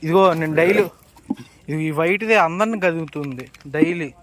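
A man's voice: a little high, brisk, a little hiss or hum. A man chatting casually with his mother outdoors while feeding puppies, often calling out to her. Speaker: son helping feed puppies. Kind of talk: casual family chat. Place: outdoors by a road.

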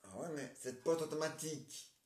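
Halting man performing a homemade play. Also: fairly high pitch, animated, a little mellow. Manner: rambling, halting, many hesitations and filler tags. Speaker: amateur playwright performing all parts. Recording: roomy echoey home recording.

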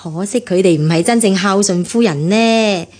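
An actress with a Hong Kong Cantonese accent plays a chatty female servant gossiping about her mistress in a radio drama, in a gossipy, explanatory manner. Her mid-range voice is darkish and lightly acted at a moderate pace, heard in a husky-sounding radio rebroadcast with faint music.

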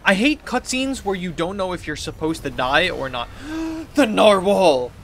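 This gaming video host in his thirties has a high voice that's very animated and fairly bright, though he speaks a little slowly. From his computer in an indoor room, with game music in the background, he gives casual, slangy let's play commentary, reacting and thinking aloud.

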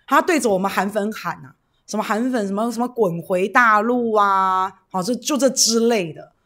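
A woman's voice: mid-range voice, moderate pace, a bit bright. A woman from Taiwan hosting a casual political livestream, rambling with fillers and tag questions and greeting viewers by name. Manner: chatty, greets viewers by name, reads donations.

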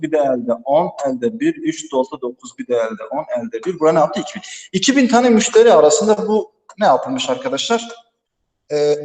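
Alone in a large, empty classroom, a man teaches a math lesson, patiently explaining step by step and repeatedly asking "right, friends?" to check in with his students. His voice is fairly high and a little mellow, echoing heavily off the walls of the big hall.

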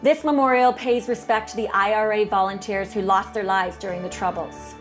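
A woman's voice: medium pitch, fairly even intonation, a little fast. A middle-aged woman hosting a travel vlog, narrating the sights in an upbeat, descriptive way. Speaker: travel vlogger host. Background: background music.

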